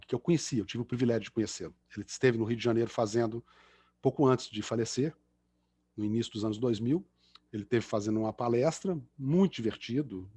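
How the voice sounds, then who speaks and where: A man's voice: medium pitch, dark tone, breathy edge, no room sound. A middle-aged man from Belo Horizonte with a Mineiro Brazilian Portuguese accent, a guest engineer chatting and cracking jokes at the end of an online lecture over a video call. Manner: chatty, self-mocking joker with many fillers.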